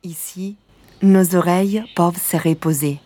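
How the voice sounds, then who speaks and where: A woman from southern Italy giving calm, measured scripted documentary narration. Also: fairly low pitch, no room sound.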